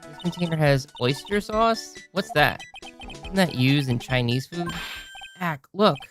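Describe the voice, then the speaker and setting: A woman's voice: low-pitched, expressive, unhurried, faint music behind. [name], a woman voicing a cheeky young sidekick. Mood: playful. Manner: playful and teasing. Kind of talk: amateur video game fan dub.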